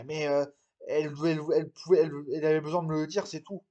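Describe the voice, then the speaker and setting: A man with a notably high voice acts out an improvised amateur role-play scene. He scolds in an exasperated, halting way, stumbling and repeating words as he goes. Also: little pitch movement, dark tone, muffled recording. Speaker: hobby drama performer.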